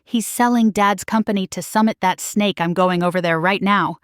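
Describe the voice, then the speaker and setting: A woman's voice: medium pitch, normal speed, dry recording, clean studio sound, natural voice. A woman reading the part of an angry, impatient adult daughter, heated and indignant.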